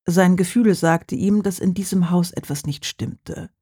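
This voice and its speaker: An audiobook reader narrating a crime novel in a calm, steady way. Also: mid-range voice, unhurried, slightly rough, no echo, clean studio sound.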